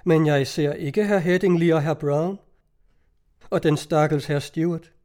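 A man reading aloud as a calm, gentle wife who talks in a reassuring way, in an audiobook. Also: a little high, natural voice.

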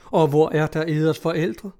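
Man reading an eager young suitor in an old tale, pleading, mellow slightly high voice. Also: fairly even intonation, close to an everyday voice. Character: eager newly rich young carpenter suitor.

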